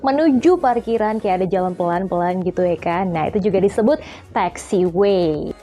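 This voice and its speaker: A woman hosts an aviation explainer channel, teaching in a casual, chatty, colloquial way full of jokes and playfulness, and she acts out little dialogues to make her points. Her voice is on the low side and mellow, at a normal speed. Faint music plays behind her.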